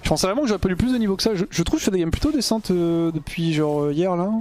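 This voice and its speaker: Talking into a gaming headset, this young man streams live and narrates his own play in slangy, offhand speech mixed with English gaming jargon. He sounds high-pitched and animated, racing along with a darkish quality to his voice.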